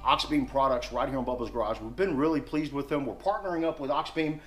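A man in his forties hosts a car repair vlog from his open home garage, outdoors by the driveway, with soft music playing behind him. His mid-range voice moves at a quick pace as he chats casually, often repeating "honestly" and "guys."

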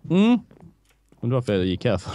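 A man's voice: medium pitch, dark tone, no echo. Laid-back man gaming, dry close sound. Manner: laid-back, dry self-mocking remarks. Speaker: gaming channel co-host. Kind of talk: casual Let's Play chat.

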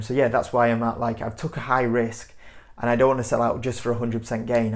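Chatty young man talking stocks. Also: mid-range voice. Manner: rambling, repeats "you know" and "like I say", gestures a lot. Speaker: investing channel host. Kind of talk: casual stock commentary to camera. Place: indoor room in front of a whiteboard.

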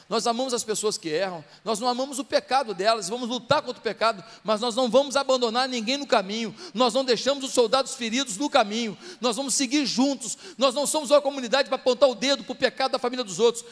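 A man's voice: high-pitched, a bit bright, big-room sound. A man preaching a sermon as pastor in a church, full of passionate rhetorical questions to the congregation.

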